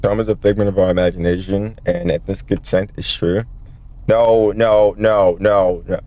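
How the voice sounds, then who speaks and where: A man's voice: low voice, fairly even intonation, normal speed, warm tone. A man streaming a visual novel, joking and chatting with his viewers as he reads. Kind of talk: casual let's-play commentary.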